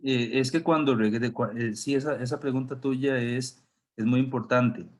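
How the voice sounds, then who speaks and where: A man teaching an online class with a sore throat, clearing it often and explaining slowly step by step. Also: mid-range voice, steady tone. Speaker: university professor.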